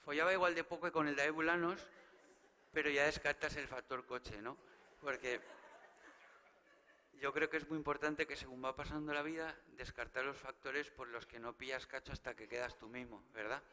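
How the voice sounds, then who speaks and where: Joking Spanish gala host in a reverberant hall. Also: male voice, mid-range voice, steady tone, normal speed, pushed and bright. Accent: Spain Spanish. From Spain. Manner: chatty, joking, teasing the audience, rallying the crowd. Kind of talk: comic stand-up hosting of a live awards gala. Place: large hall with a live audience. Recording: live hall recording with long reverb and faint noise.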